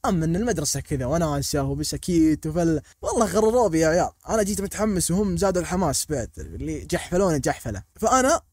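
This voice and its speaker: A man telling a comic story, animated and jumping into mock voices for the people in it. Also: fairly high pitch, no room sound, clean studio sound. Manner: rapid, animated, slips into mock voices for characters.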